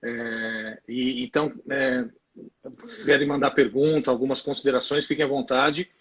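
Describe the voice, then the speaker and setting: A man's voice: mid-range voice, steady tone, normal speed, fairly bright tone, slightly rough. A man with a Brazilian Portuguese accent hosting a live video interview, recapping for viewers and posing questions with hesitant fillers. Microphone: video call. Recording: dull lo-fi video call audio.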